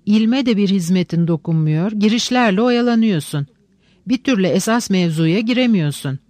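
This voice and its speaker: An audiobook reader voicing a gruff, impatient older male colonel who grumbles and scolds, in a dry close recording. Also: mid-range voice, lively intonation, moderate pace, darkish tone, no room sound, close to an everyday voice. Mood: scolding. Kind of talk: audiobook reading.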